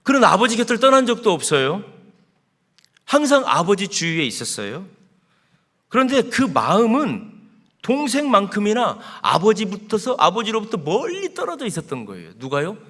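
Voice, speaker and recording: A man's voice: sits high, huge pitch swings, normal speed, fairly bright tone. A male pastor preaching a sermon, telling a story with rising and falling emphasis. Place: church sanctuary.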